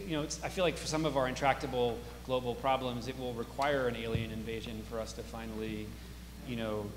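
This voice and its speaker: A male moderator leads a live audience discussion in a large auditorium with a balcony, thoughtful and off the cuff. His voice is mid-pitched, brisk and steady, and his manner is reflective and intellectual, showing appreciation for the speakers. The hall echoes heavily, with a faint hum and noise.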